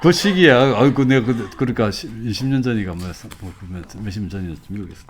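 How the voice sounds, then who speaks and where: A man's voice: fairly low pitch, lively intonation, fast. An older man giving a professor's lecture, reading passages aloud and telling anecdotes in a chatty way. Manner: conversational, tells anecdotes, reads quotes with feeling.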